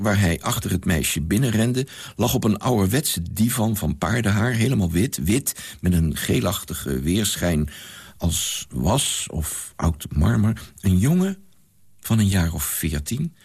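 A man giving an expressive, animated reading of a classic novel. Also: low-pitched, creaky, slightly rough. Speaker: reader.

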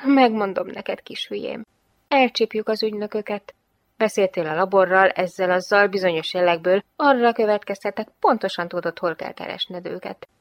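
A woman's voice: mid-range voice, no room sound, clean studio sound, natural voice. A woman voicing a cheeky, self-assured young woman who teases and mocks. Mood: teasing. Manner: teasing, mocking.

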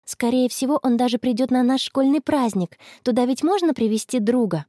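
A woman's voice: high voice, fairly quick, dry recording, studio quality. Anna, a woman voicing a dreamy teenage girl. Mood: dreamy, stubborn. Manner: soft, dreamy and touchy. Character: dreamy stubborn schoolgirl in love, teenage.

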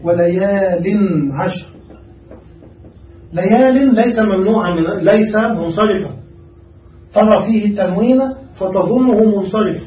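High-voiced man teaching grammar, echoey. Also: moderate pace. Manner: quizzes students with frequent check questions. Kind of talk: classical grammar lesson. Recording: echoey room, far from mic, dull.

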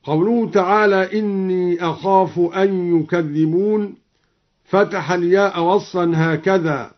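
A man teaching Quran recitation variants in a radio lesson, explaining each point in a measured, scholarly way. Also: high-pitched, steady tone. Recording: dull lo-fi archival radio recording.

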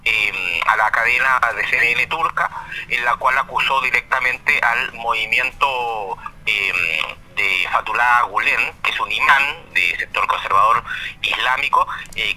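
Man over a bright phone line. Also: mid-range voice. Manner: measured explainer with frequent hesitation fillers. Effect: heard over a phone line. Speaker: caller, radio correspondent. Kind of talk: live call-in news update.

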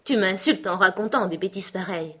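A woman's voice: medium pitch, brisk, bright, forceful tone, breathy edge. A woman reading the part of a proud, easily offended mouse in a storybook. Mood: indignant. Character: touchy proud mouse telling a tale.

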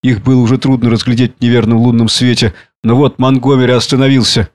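Casting: male audiobook narrator, steady, mid-pitched storytelling. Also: fast talker, no room sound.

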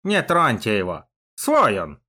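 A man plays a wily old priest who was once a balalaika player. He speaks in a gruff, folksy way, bossing the young men around in a commanding tone with a slightly distant sound. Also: medium pitch, huge pitch swings, measured pace, sharp tone, exaggerated voice. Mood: calm. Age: older. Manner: gruff, folksy, barks orders.

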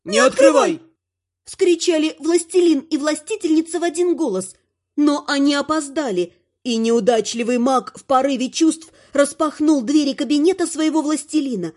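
A woman narrating a fantasy audiobook in an even, expressive storytelling manner. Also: high voice, moderate pace.

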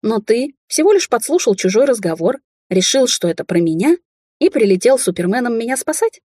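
A proud and easily offended young rich woman with a high, shrill edge to her voice, as the audiobook reader puts her on. The voice is dark and husky underneath, recorded close and dry. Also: sing-song, brisk, no echo. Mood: hurt.

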